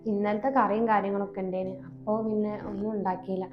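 A woman with a Malabar Malayalam accent playing a calm, patient young daughter-in-law who pleads with her sister-in-law, in a comedy skit. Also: mid-range voice, quick pace, echoey room, lo-fi sound, soft background music, close to an everyday voice. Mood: pleading.

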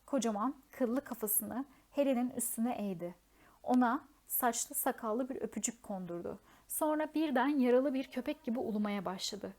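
A woman's voice: on the high side, moderate pace, darkish tone. Woman reading a storybook aloud. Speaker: audiobook reader. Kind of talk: storybook audiobook narration.

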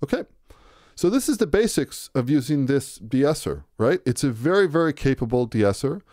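A man giving a relaxed, conversational music production tutorial, thinking aloud as he works. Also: mid-range voice, normal speed, no echo, clean studio sound. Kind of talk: screen-recorded software tutorial. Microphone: close to a studio microphone.

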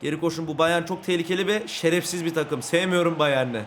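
A man with a high voice calls his football video game live, from a room at home late at night. He yells at and scolds his players when they mess up, then sinks into muttering. A faint background hiss sits under his voice. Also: fast talker. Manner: shouts and scolds players, swings between yelling and muttering. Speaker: gaming YouTuber.

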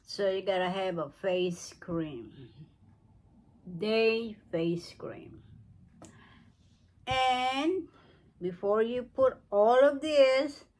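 Woman in her seventies, home vlogger, very slow and halting, reaching for words as she goes. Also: medium pitch, darkish tone. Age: 70s. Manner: slow, searching for words, non-native phrasing. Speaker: craft and beauty vlogger. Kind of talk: unscripted home tutorial. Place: cluttered living room at home.

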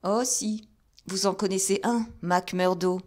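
An affable, self-assured detective, voiced by a woman reading an audiobook. He speaks in an easy, friendly way with quiet confidence. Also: medium pitch, fairly even intonation, a little slow, natural voice. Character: cool, affable male detective.

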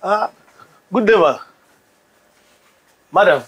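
Polite shopkeeper. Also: male voice, high-pitched, lively intonation, slow, fairly bright tone, husky, exaggerated voice. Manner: deferential and friendly.

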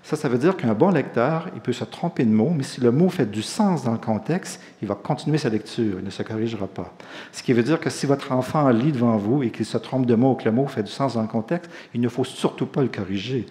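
A man with a Quebec French accent giving a relaxed, explanatory public lecture and mixing in personal anecdotes. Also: mid-range voice, brisk.

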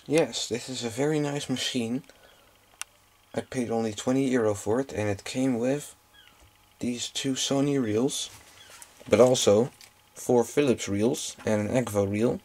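Indoors at a cluttered workbench, a gadget collector gives a casual hands-on demonstration, picked up by a camera microphone with faint background noise. His voice is medium-pitched, a little slow and a little mellow.

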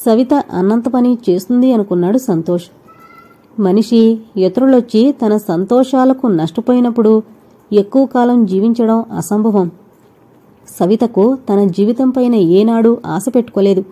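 A woman narrates an audio novel with scripted, steady delivery. Her voice is very dark and mellow. She tells the story evenly and calmly. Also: on the high side, moderate pace.

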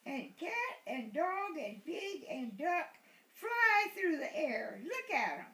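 A great-grandmother in her eighties, her voice very high and sharp, reads a picture book to a baby, playfully repeating words and making little asides. She sits on an indoor living room sofa. A handheld camera nearby records the roomy, noisy home scene.

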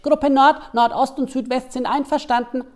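A man voicing a scheming, excitable male Easter bunny who plots in a conspiratorial way. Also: very high-pitched, moderate pace, pitched above the performer's own voice. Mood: gleeful. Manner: gleeful, plotting.

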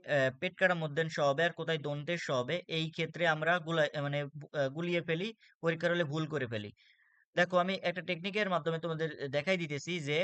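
A man's voice: a little high, a bit bright, smooth, dry recording. A man with a Bangladeshi Bengali accent teaching a spelling lesson for exam students, explaining step by step and repeating words with frequent "ah" fillers.

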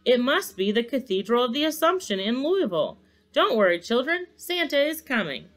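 A woman reading a children's storybook aloud, voicing a jolly, hearty old Santa Claus who booms and blusters. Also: sing-song, normal speed, fairly bright tone. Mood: cheerful. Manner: booming, hearty.

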